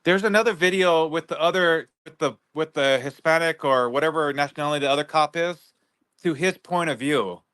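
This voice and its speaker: A man guest on a livestream, talking in a rambling, halting way with many restarts. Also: on the high side, a bit bright, smooth. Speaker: guest neighbor. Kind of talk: casual livestream interview.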